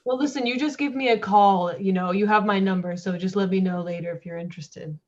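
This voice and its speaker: A woman's voice: medium pitch, steady tone, brisk, natural voice. A woman improvising a brash, matter-of-fact caller in an online comedy show, lo-fi call audio. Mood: breezy. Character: brash woman caller, soap-making hustler.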